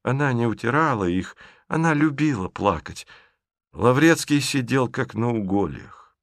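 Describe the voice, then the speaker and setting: A man narrating a classic novel as a measured audiobook reading. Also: mid-range voice, expressive, fairly bright tone, no echo, clean studio sound. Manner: measured, literary storytelling.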